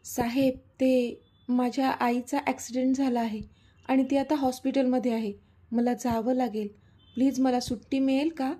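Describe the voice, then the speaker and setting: A woman's voice: high-pitched, flat delivery, normal speed, warm tone, breathy edge. Woman voicing an anxious young male caretaker. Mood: worried pleading. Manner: urgent, tearful pleading.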